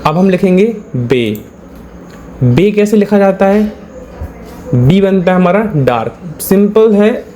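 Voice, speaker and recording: A man's voice: sits high, mellow, slight background noise. Patient man teaching step by step. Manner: patient, repeats points and checks understanding. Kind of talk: step-by-step classroom explanation.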